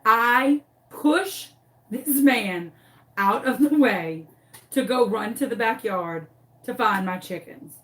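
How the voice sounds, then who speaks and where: A woman's voice: fairly high pitch, takes it slowly, a bit bright. A woman, a craft vlogger dramatically retelling a story with emphatic repeats. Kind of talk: animated storytelling.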